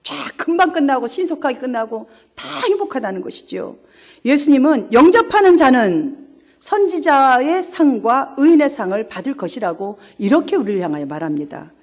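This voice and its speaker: A woman's voice: sits high, sing-song, normal speed. A woman pastor delivering an emphatic sermon in a church, telling stories and laughing now and then. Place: church sanctuary.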